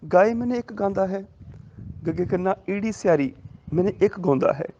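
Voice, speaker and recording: A man with a Punjabi accent who teaches the correct pronunciation of scripture, chanting each verse slowly and then explaining it. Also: high-pitched, animated, mellow, highs cut off, slight background noise. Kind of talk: slow recitation and correction of scripture.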